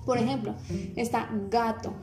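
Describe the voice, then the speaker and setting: A woman playing a caring teacher in a dubbed film, explaining slowly and earnestly over background music. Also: a little high, level tone, lightly acted. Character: patient caring female teacher, adult.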